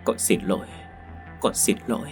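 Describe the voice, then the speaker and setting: A man's voice: sits low, normal speed, vocal fry, faint music behind. A man voicing a remorseful young man who pleads tearfully.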